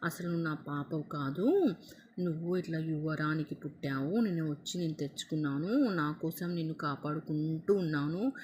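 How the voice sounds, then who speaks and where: A woman's voice: low-pitched, moderate pace, darkish tone, slight background noise, lightly acted. A woman voicing a loving female ghost. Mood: confessing. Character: mother-like female ghost, fierce but loving.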